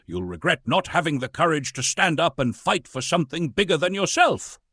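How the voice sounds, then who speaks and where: A bullying old wizard, as a man acts him out, scolding in a raised, roaring voice that swings widely in pitch. The tone is husky and dry, read close for a storybook. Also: big pitch swings, brisk, pushed and bright, no room sound, full character voice. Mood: threatening. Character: furious old male wizard, bullying and stern.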